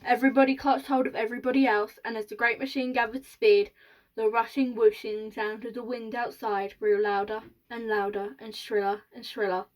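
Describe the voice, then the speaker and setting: Woman, storybook reading, high voice, occasional slips and restarts. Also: little pitch movement, normal speed, poor audio. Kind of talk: children's book read aloud.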